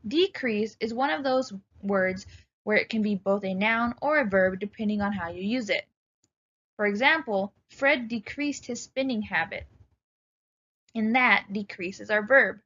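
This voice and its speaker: A woman giving a recorded writing lecture, speaking clearly and instructively and addressing students directly. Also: medium pitch, a bit bright, highs cut off.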